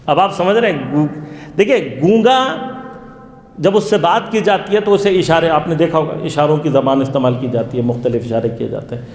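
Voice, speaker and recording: Male lecturer, high-pitched, interactive teaching style that poses questions and answers them; roomy hall sound. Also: darkish tone. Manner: asks the audience questions and answers them himself. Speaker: religious lecturer. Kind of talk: interactive religious lesson. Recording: echoey hall.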